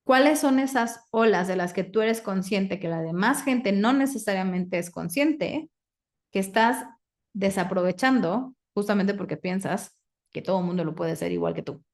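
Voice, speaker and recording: A woman's voice: medium pitch, normal speed. Woman coaching a live group. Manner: asks the audience questions, recites clearing statements. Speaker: facilitator.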